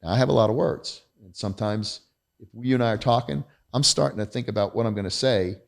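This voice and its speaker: Middle-aged male guest, gravelly voice, candid, emphatic storyteller. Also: on the low side, quick pace. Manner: emphatic, blunt, self-deprecating. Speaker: podcast guest, retired federal agent.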